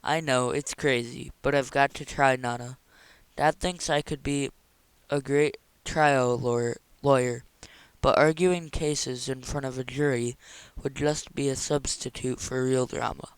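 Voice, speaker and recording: A man's voice: medium pitch, fairly even intonation, unhurried, smooth, no echo, natural voice. A man voicing a determined young woman. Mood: earnest. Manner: earnest, insistent.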